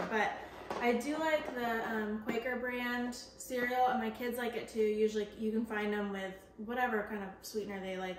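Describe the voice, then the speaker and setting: Woman, thirties, slightly high voice, chatty mom vlog, roomy kitchen echo, faint background noise. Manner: chatty, upbeat, with filler words. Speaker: mom vlogger. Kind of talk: casual grocery haul vlog. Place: home kitchen, indoors. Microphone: camera on counter, mid framing.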